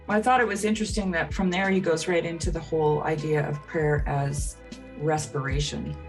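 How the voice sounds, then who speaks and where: A woman reading aloud and discussing in a measured, deliberate way. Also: sits low, steady tone. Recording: music behind the voice. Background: music.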